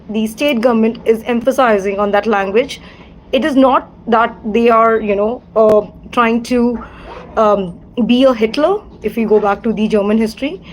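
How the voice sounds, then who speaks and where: A woman with an Indian English accent hosts a casual livestream monologue in a fairly high, slightly mellow voice. She rambles, keeps returning to the same set phrases, and uses plenty of fillers. The recording is low quality, with a little hiss or hum.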